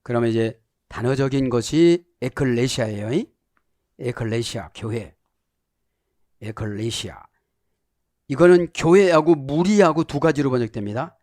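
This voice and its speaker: A man's voice: medium pitch, lively intonation, a little slow, pauses often, darkish tone, no echo, studio quality. A middle-aged man preaching a sermon as pastor, teaching Greek words and acting out the voices of the people he quotes. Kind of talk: sermon with Greek word study.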